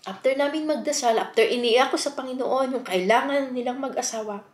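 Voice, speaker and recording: A woman's voice: sits high, a little fast. A woman from the Philippines chatting heartfelt to her viewers in a casual vlog, mixing in English and often calling them "guys". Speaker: vlogger. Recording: roomy echo.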